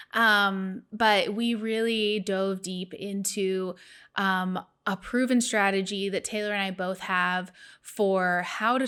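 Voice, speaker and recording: A woman's voice: mid-range voice, a bit bright, clean tone. A woman in her thirties co-hosting a podcast, chatting casually and enthusiastically. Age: 30s. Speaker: podcast co-host.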